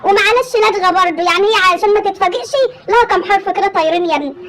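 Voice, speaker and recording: With an Egyptian Arabic accent, a woman plays a pushy rural mother on a one-sided phone call, insistently coaxing her grown son toward a marriage she's arranging and calling him "my son" again and again. Her voice is very high and very fast, set against background noise.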